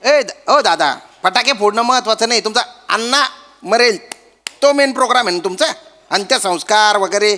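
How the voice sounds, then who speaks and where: A man performing a stage comedy sketch, scolding and shouting at the others. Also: high-pitched, lively intonation, normal speed, in a large hall.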